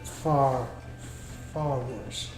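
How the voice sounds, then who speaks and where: A man playing an unruffled, worldly shapeshifting vampire in a tabletop game, speaking formally and in measured phrases. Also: mid-range voice, fairly even intonation. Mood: calm, cautionary. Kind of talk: improvised tabletop role-play. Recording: roomy echo, clear music behind. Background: music.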